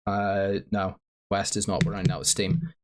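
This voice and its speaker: A man's voice: sits low, completely flat delivery, unhurried, noisy background. A man with a sore throat, livestreaming casual commentary and reading out viewer chat in a rambling, filler-heavy way. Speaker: stream host.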